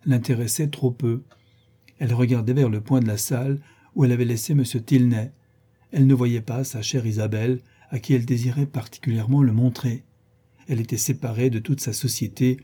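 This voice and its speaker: A man reading a classic novel aloud as an audiobook, measured and even. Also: mid-range voice, slightly rough. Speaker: audiobook reader. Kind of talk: scripted narration of a classic novel.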